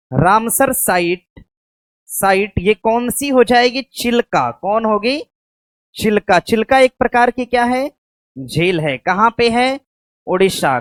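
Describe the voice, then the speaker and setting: A woman teacher, lecturing an exam-prep class. She asks questions, answers them herself and slowly dictates notes. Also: mid-range voice, dry recording. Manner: slow dictation of notes to write down.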